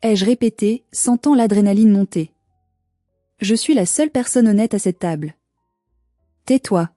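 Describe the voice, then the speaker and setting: A woman narrating a dramatic first-person story in a steady, scripted storytelling delivery. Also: medium pitch, moderate pace, no room sound, studio quality, soft background music.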